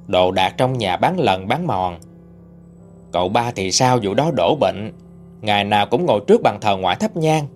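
A man with a Southern Vietnamese accent narrating a ghost story in a dramatic, animated way. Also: on the low side.

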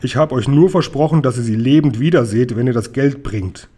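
Guy reading out a husky grumpy storybook robber, bossy and mocking. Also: medium pitch, brisk, mellow, close to an everyday voice. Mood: sly. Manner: barking orders, mocking. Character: gruff greedy male robber, armed and bossy.

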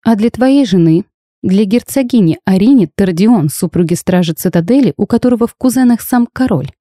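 A woman reading the lines of a bold, sharp-tongued young half-fairy bride in a storybook tale, lively and teasing in tone. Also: medium pitch, a little fast, no room sound, studio quality, pitched above the performer's own voice, lightly acted. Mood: spirited.

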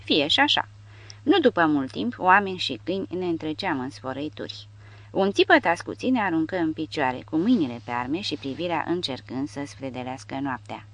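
Low, lively woman narrating. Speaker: audiobook narrator. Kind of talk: scripted narration.

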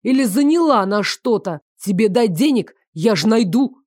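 A woman reading the part of a jealous man who shouts accusations and then begs. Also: fairly high pitch, expressive, normal speed, no echo, clean studio sound. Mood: shouting angrily. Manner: loud and accusing, then begging. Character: angry pleading man, jealous ex-lover.

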